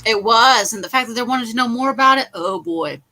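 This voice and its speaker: A woman's voice: on the high side, lively intonation, brisk, bright, forceful tone, rough recording. A woman hosting a casual livestream watch party, chatting animatedly and laughing often. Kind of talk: casual group chat on a livestream.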